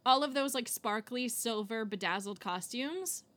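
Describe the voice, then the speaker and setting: A woman with a slightly high voice co-hosts a relaxed podcast, gushing over favorite film scenes. She laughs often and talks with easy enthusiasm. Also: unhurried. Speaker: podcast co-host. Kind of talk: casual chat about a film.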